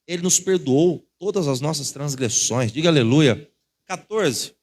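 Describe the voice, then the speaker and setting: A man's voice: fairly high pitch, animated, measured pace, darkish tone. A man with a Brazilian Portuguese accent, a pastor preaching a conversational sermon in a church, telling personal stories to the congregation. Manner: conversational preaching with anecdotes, addresses congregation as irmãos.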